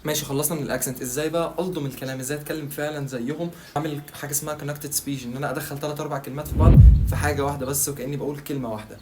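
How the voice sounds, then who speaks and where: Rapid-fire Egyptian man teaching. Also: fairly high pitch, steady tone, over loud music. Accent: Egyptian Arabic. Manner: asks himself questions and answers them; chatty, addresses the viewer directly. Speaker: language-learning video creator. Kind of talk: casual tutorial monologue.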